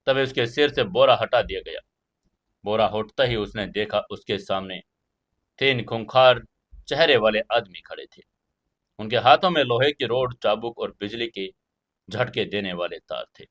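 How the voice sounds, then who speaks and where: A man's voice: lowish voice, unhurried, pauses often, a bit bright. A man narrating an audio drama in a dramatic, suspenseful storytelling manner.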